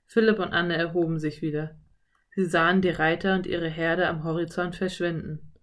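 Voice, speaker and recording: A woman narrating a children's audiobook in a calm, clear storytelling voice. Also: fairly low pitch, normal speed.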